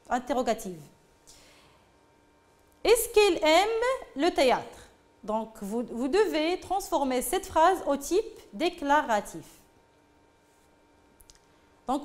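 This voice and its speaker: A woman teaching a French grammar lesson, talking patiently to pupils and repeating phrases as she goes. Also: high-pitched.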